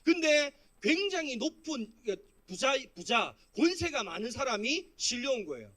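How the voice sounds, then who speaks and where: A male pastor with a preaching a sermon at a midweek church prayer service, animated, asking the congregation questions and answering them himself. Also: very high voice, normal speed.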